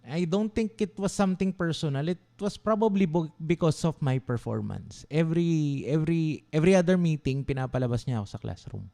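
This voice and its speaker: Young man, from the Philippines, law school vlogger, animated storytelling, slightly high voice. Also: normal speed, vocal fry. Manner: asks viewers to respond. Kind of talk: casual storytelling livestream.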